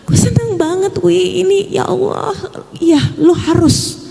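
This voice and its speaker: An overjoyed female manager gushes with excitement in casual slang, as a woman puts her on. Her voice rides much higher than the speaker's own, and a large hall makes it ring and echo. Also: unhurried, gravelly, heavily acted. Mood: gushing. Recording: echoey hall.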